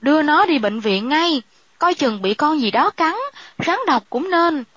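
A woman's voice: high-pitched, animated, unhurried, a bit bright, no room sound, muffled recording, voice pushed up. A woman voicing a commanding, alarmed provincial governor.

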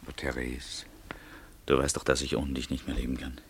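A man playing a nervous, cautious young lover in a radio drama, often speaking in hushed whispers. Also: very deep voice, monotone, fairly quick, husky, heavily acted. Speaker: actor in a radio play. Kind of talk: German radio drama acting.

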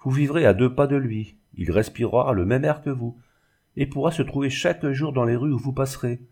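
A man's voice: mid-range voice, fairly quick, a little mellow, husky, voice pushed up. An older mother, anxious and tender, voiced by a man reading an audiobook, pleading earnestly.

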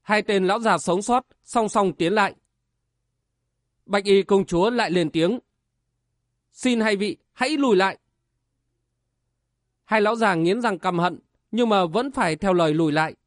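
Dramatic male audiobook narrator, high voice. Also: moderate pace, no echo, clean studio sound. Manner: vivid, dramatic storytelling.

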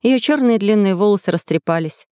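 A woman's voice: medium pitch, fairly quick, clear, resonant tone, no echo, clean studio sound. Woman reading a storybook aloud. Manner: lively, voices every character. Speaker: audiobook reader. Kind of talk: expressive storybook narration.

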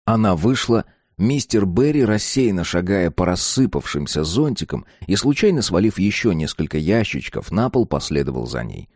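A man narrating an audiobook in a steady, even storytelling manner. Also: sits low, normal speed, few pauses, slightly rough, no room sound, clean studio sound.

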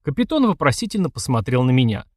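A man narrating an audiobook in lively storytelling. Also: mid-range voice, fast, no echo, clean studio sound.

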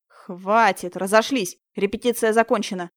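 A woman narrator voices a strict young choir teacher who scolds her pupils in a firm, even voice. The recording is close and dry, with no room around it. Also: mid-range voice, moderate pace, no echo, close to an everyday voice. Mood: stern. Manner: stern, scolding.

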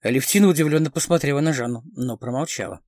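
A man's voice: mid-range voice, fast, darkish tone, dry recording, studio quality. A man narrating a novel as an audiobook, reading expressively. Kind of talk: scripted narration of a crime novel.

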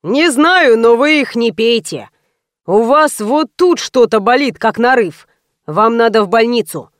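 A woman's voice: a little high, expressive, a little slow, no room sound, studio quality. A woman voicing an eccentric elderly father who bluntly predicts people's fates. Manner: blunt, matter-of-fact.

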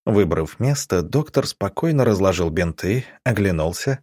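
A man with a lowish, husky voice reads an audiobook. He lifts his pitch when voicing characters. The sound is dry and close, with no room echo. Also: expressive, normal speed, darkish tone. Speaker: audiobook narrator. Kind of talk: scripted audiobook narration.

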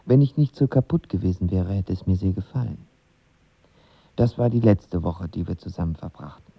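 In a radio drama, a deep-voiced male actor with vocal fry and a husky tone plays a lovestruck, insecure young actor recalling his first love. The delivery is heavily acted, intimate and colloquial, a wistful first-person narration at normal speed, and the highs are cut off.

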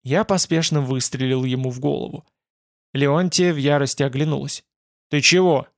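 A man narrating a first-person audiobook in a dry, wry, deadpan manner. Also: mid-range voice, moderate pace, no echo.

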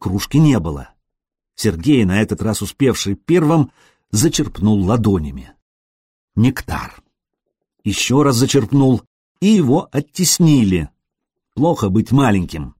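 Husky, lively male audiobook narrator. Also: lowish voice, a little slow, pauses often, no room sound, clean studio sound. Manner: expressive reading that briefly acts out the characters.

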